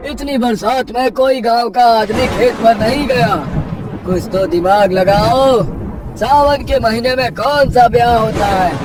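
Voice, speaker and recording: A man's voice: extremely high pitch, noisy background, voice pushed up. A man voicing a blunt, scolding elderly village uncle who lectures in rustic rhetorical questions. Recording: distant mic with loud music.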